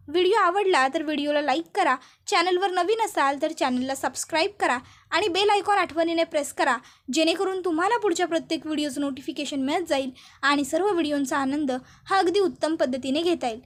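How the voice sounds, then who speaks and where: A woman storyteller recounting a serial episode scene by scene. Her voice is high and her narration chatty and detailed.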